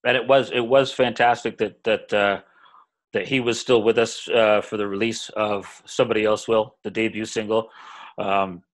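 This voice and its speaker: A man interviewing a band, talking in a relaxed, conversational way with some hesitations. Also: fairly low pitch, moderate pace. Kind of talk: casual interview talk.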